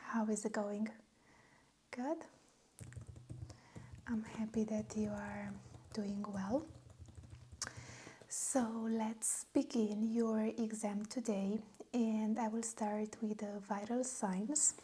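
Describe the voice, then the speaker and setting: A woman whispering a medical exam roleplay in a slow, gentle, reassuring way. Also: medium pitch, steady tone, a little hiss or hum. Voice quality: soft whispery. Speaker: ASMR roleplay nurse.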